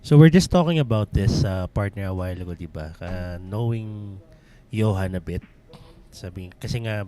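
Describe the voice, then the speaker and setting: A man's voice: low-pitched, normal speed, mellow, clean tone. A man with a Filipino accent co-commentating a pool match, chatty and laughing, mixing Tagalog and English. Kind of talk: relaxed billiards commentary.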